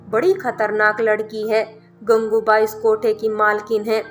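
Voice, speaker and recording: A woman's voice: fairly high pitch, natural voice. A woman reading the lines of a blunt young orphan man in a storybook tale, with faint music behind.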